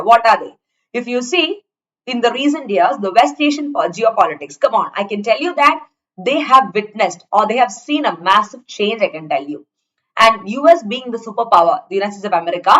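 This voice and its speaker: A woman's voice: on the high side, fairly bright tone, dull audio. A woman with an Indian accent teaching in a conversational lecture style, chatty and explanatory, often checking that students follow. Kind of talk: conversational online exam lecture.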